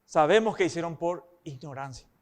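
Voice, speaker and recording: A man's voice: fairly high pitch, a little fast. A man preaching a sermon, emphatic and often asking the congregation rhetorical questions.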